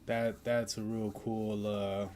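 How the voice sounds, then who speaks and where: A man's voice: lowish voice, flat delivery, slow, darkish tone. A young man hosting a day trading livestream, chatting casually in a laid-back, slangy way and chuckling now and then. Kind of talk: casual live-stream chat.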